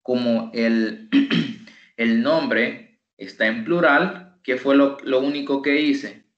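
A man tutoring an online English lesson in Spanish, who patiently repeats each example phrase slowly. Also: medium pitch. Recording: echoey room, dull lo-fi sound.

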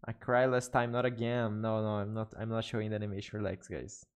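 Talking fast in a smooth, lowish, level voice, a young man from Brazil streams live from his room, casually chatting with viewers. A native Portuguese speaker with a Brazilian Portuguese accent, he speaks English hesitantly and keeps correcting himself, using a studio mic on his desk and headphones.

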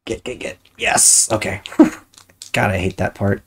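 A woman's voice: very deep voice, very animated, slow pace, vocal fry, breathy edge. A woman streaming a video game, chatting casually and thinking aloud as she plays. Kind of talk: casual chat while playing a game.

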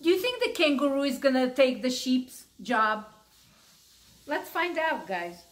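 A woman teacher reading a story aloud to young children, animated and asking them questions as she goes. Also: high voice, moderate pace.

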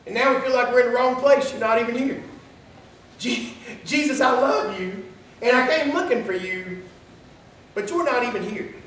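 A man with a very high voice preaches a casual, conversational sermon, often turning to the congregation with "right?". He is picked up from a distance, and the church hall rings with heavy echo under a faint background hiss. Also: normal speed, pauses often, a bit bright. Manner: conversational, with frequent "right?" and "here's the thing". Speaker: pastor. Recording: echoey hall, distant mic.

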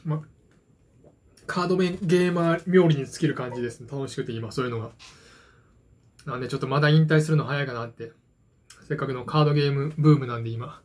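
A man's voice: mid-range voice, quick pace, pauses often. A man in his forties from Japan chatting casually and rambling to the camera, with self-deprecating, hesitant asides. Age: 40s. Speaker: vlogger, card game hobbyist. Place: small dim room at home, indoors. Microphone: phone propped at arm's length.

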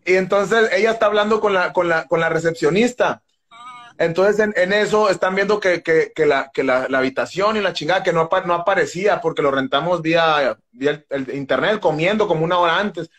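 Sitting indoors on a couch, a man with a high, fairly bright voice rambles through a story on a live phone video call. He talks a little fast, stumbling, restarting, and swearing freely.

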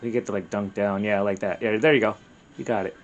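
Gravelly laid-back man gaming. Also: on the low side, steady tone, fast talker, dull audio, faint music behind. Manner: laid-back, chuckling, trailing off mid-sentence. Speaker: co-op game player. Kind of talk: casual gameplay chat.

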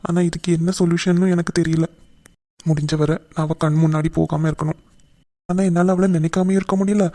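A man's voice: on the high side, mellow, natural voice. A man voicing an earnest, remorseful young man in a cartoon, speaking in a pleading way. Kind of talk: cartoon voice acting.

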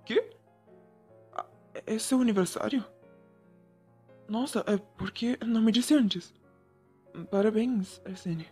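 A man voicing a shy, sweet young male photographer in a whispered role-play, talking softly and bashfully to the listener. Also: high-pitched, slow, pauses often, slightly rough, soft background music, full character voice. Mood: gentle. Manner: soft, gentle and bashful, addressing the listener.

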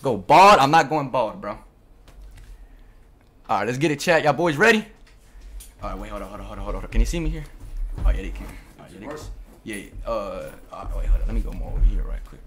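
A man's voice: lowish voice, animated, quick pace, long pauses, sharp tone, slight background noise. A young man livestreaming casually, talking in hyped frat-bro slang to his chat. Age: teens to young adult. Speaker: live streamer. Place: bedroom at home, indoors.

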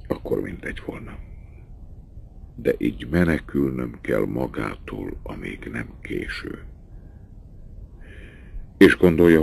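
A man's voice: extremely low pitch, gravelly, darkish tone, slightly rough, heavily acted. A man playing a whispering, torn young countess. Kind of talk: audiobook dialogue.

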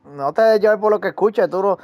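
A man chatting casually while playing an online game with a friend, teasing him and breaking into excited shouts. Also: high-pitched, fairly quick, no echo, lo-fi sound. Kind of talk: casual gaming chat.

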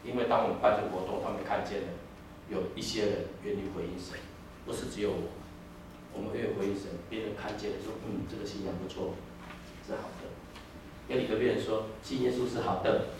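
A man in his fifties from Taiwan with a Taiwanese Mandarin accent, preaching an animated sermon and telling stories that slip into Taiwanese. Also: on the low side, quick pace, noisy background. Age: 50s. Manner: animated, switches into Taiwanese, sings snatches. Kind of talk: sermon with storytelling and singing. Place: church hall. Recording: echoey hall, mic from a distance.

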